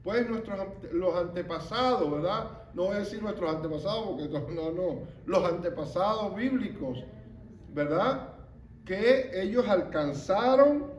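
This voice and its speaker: A man with a fairly high voice teaches a Bible lesson at an unhurried pace. He explains each point slowly and keeps checking in with his listeners through rhetorical questions. The room gives his voice a noticeable echo. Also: slight background noise.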